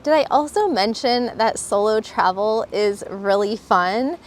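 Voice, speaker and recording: A woman's voice: mid-range voice, unhurried, a little hiss or hum. A woman from Florida, a travel vlogger, talking earnestly and enthusiastically in a casual reflective vlog, recorded outdoors. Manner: earnest and enthusiastic, with some fillers.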